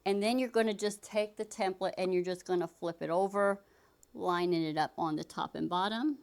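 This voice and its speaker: During an easygoing sewing demonstration, a woman with a lowish, darkish voice speaks at a moderate pace. She chats through each step while handling the fabric, often restarting as she goes.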